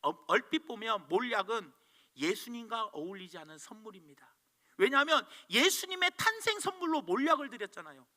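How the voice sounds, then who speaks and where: A male pastor giving a sermon, telling stories in an animated way with big swings in pitch and loudness. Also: a little fast.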